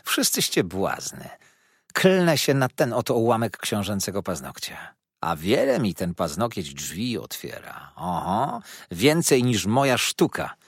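A shrill, bustling little dwarf woman, as a male audiobook reader puts her on, squealing up high and swooping wildly through her gossip. Her voice is a little husky and sits close and dry, with no room around it. She teases and flirts as she chatters on. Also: dry recording, exaggerated voice. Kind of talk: audiobook character voice.

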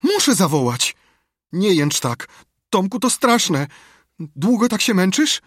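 A man's voice: sits high, sing-song, slow pace, no echo, studio quality, pitched above the performer's own voice, heavily acted. A man voicing a frightened young boy who pleads in alarm, in a storybook reading. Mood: worried.

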